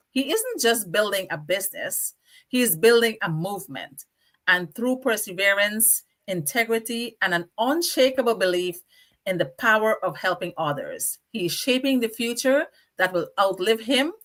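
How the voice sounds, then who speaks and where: A woman's voice: mid-range voice, a bit bright. A woman from Guyana hosting a live online interview show, effusive and enthusiastic, laughing often. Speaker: show host.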